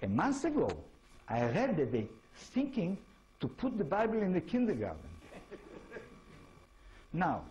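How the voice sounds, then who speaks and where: A man's voice: sits high, wildly swooping pitch, a little slow, long pauses, darkish tone, muffled recording. A man from Israel, speaking English with an Israeli accent, gives an informal lecture as an author and keeps asking his audience rhetorical questions. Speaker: author giving a talk.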